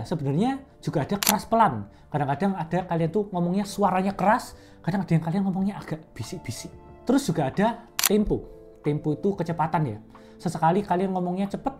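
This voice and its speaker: A woman's voice: fairly low pitch, a little mellow. A young woman in a casual educational vlog, coaching public speaking in a chatty, step-by-step way. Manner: chatty and conversational, explains step by step.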